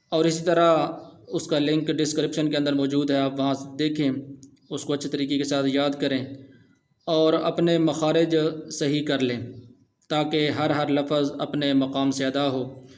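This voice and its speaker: A man teaching Quran recitation rules step by step, explaining plainly and then slowly chanting the example verses. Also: fairly high pitch, darkish tone. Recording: dull, muffled audio.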